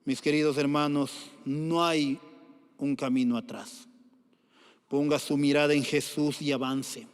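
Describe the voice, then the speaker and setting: Pastor preaching in echoing hall. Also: male voice, medium pitch, steady tone, slow, long pauses. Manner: earnest storytelling with rising exhortations. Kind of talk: sermon. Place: large church hall. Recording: echoey church hall.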